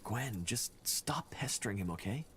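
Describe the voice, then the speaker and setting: Gruff young soldier brother. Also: male voice, fairly low pitch, animated, normal speed, a bit bright, a little hiss or hum.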